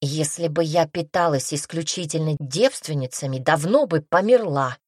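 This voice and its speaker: A sarcastic, snappish herbalist witch, as an audiobook narrator puts her on, weary and sharp-tongued. Her voice sits fairly low and sounds dry and close to the mic. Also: moderate pace, husky, dry recording.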